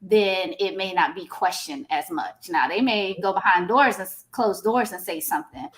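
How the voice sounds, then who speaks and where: Measured, lower-voiced woman on a panel. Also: a bit bright. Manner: measured and thoughtful, with frequent fillers. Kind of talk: panel discussion answer.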